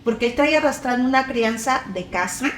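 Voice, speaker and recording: Animated Mexican woman in an echoey room. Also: high-pitched, fairly quick, slight background noise. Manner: animated, acts out scolding parents. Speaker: podcast host. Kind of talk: casual conversational interview.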